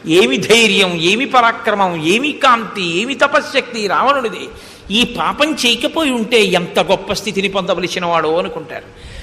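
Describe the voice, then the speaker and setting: High bright male preacher in a reverberant hall. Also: moderate pace. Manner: animated storytelling, recites Sanskrit verses. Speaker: religious discourse speaker. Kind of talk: devotional sermon storytelling.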